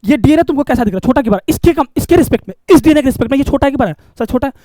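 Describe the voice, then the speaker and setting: A man's voice: extremely high pitch, animated, rapid-fire, warm tone, dry recording, clean studio sound. A male biology teacher, lecturing a class and coaxing answers by asking questions and repeating key terms.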